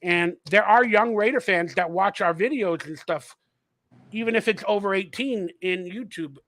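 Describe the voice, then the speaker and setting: A man's voice: sits high, moderate pace, fairly bright tone. A man hosting a casual fan livestream, talking animatedly and acting out quotes as he tells stories, swearing freely. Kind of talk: casual chat.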